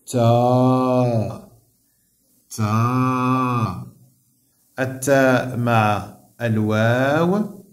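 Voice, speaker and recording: A man with a Moroccan Arabic accent, teaching a reading lesson to young children. He sounds out each syllable slowly and repeats it so the pupils can copy him. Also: medium pitch, roomy sound. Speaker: primary school teacher.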